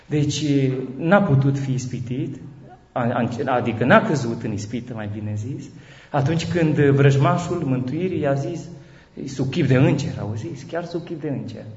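A man preaching as a bishop, telling stories in a lively way, his voice climbing high when he gets excited and often restarting his words. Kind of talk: sermon with storytelling. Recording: dull echoey hall recording.

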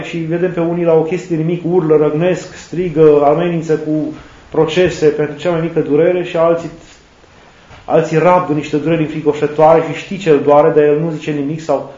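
A priest giving a sermon, slow and reflective, listing words one by one. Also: male voice, a little high, dark tone. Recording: echoey, dull lo-fi sound.

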